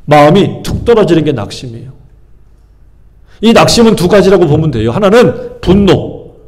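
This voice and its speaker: A man's voice: a little high, very animated, moderate pace, darkish tone. A male pastor preaching a sermon, posing questions to his congregation and answering them himself. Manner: acts out people's inner thoughts in shifting voices.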